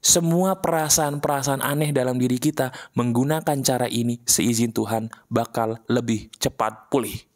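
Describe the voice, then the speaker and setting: A man giving a motivational talk straight to his viewers in a casual coaching tone, repeating key phrases slowly for emphasis. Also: mid-range voice, fairly even intonation, a little mellow. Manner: casual, coaching tone, addresses listener directly. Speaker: motivational speaker. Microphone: voice-over for an animated video.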